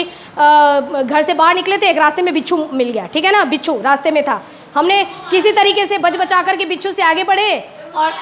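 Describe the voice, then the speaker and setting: A woman teacher with a strikingly high voice walks her pupils through one example after another. She repeats each point and keeps checking that the class follows, over faint background noise in the classroom. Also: a bit bright. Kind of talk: classroom lesson explaining proverbs.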